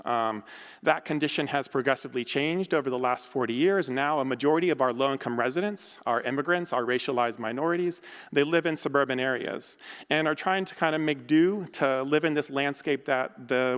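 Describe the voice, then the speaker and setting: Smooth-voiced man lecturing in a reverberant hall. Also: medium pitch, a bit bright. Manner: conversational, self-correcting, many fillers. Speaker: academic researcher giving a talk. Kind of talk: conference talk.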